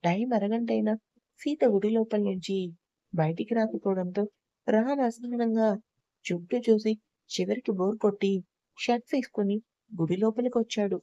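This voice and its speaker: Female storyteller, steady expressive reading, mellow tone; dry, slightly muffled home recording. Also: mid-range voice, no room sound. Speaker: story narrator. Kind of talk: dramatic storytelling narration.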